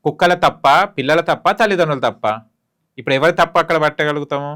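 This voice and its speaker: Fast-talking emphatic man. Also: a bit bright. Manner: emphatic, pleading, rising in pitch when urging. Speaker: guest. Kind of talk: heated opinion talk.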